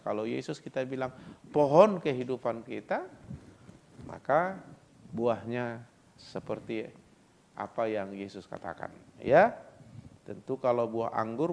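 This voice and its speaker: A man preaching a sermon as pastor, lively, acting out voices of others. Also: mid-range voice, gravelly, slight background noise. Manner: lively preaching, acts out foreigners' voices and laughs.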